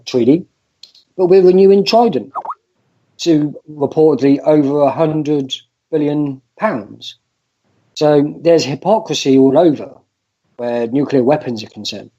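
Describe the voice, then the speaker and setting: A podcast co-host with a slightly high, warm voice speaks on a political talk show, hesitating and dropping many filler sounds between phrases in a casual political discussion. The recording is muffled.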